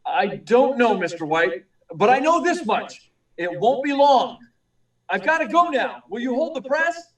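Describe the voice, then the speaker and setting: In a 1940s-style radio drama, a man plays an earnest young newspaper reporter, eager and pressing with urgency. His extremely high-pitched, very animated voice is heavily acted and a little slow. He's recorded from a distance, away from the mic, in an echoey room.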